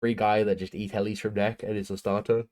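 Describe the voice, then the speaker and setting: A man's voice: on the low side, flat delivery, fairly quick, a little mellow. A tired young man casually talking through his tournament card deck in a laid-back, rambling way, with lots of ums and uhs. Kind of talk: casual deck profile talk.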